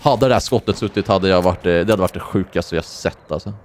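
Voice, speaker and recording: A young man from Sweden commentating his own gameplay live, excitable and quick to yelp when something surprises him. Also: slight background noise. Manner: excitable, swings into high-pitched yelps when surprised. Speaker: gaming streamer.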